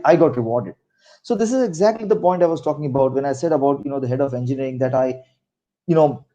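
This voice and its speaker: A middle-aged Indian man speaks with a Marathi accent in a slightly high, relaxed voice. He shares career advice conversationally, repeating phrases for emphasis. The recording is dull and lo-fi. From Maharashtra, India. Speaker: interview guest, senior corporate executive.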